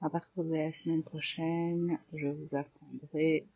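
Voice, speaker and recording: A woman with a French accent guiding a yoga class, giving calm, slow cues with breath counts. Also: low voice, breathy edge, dry recording, lo-fi sound. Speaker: yoga teacher. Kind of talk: guided yoga class instruction.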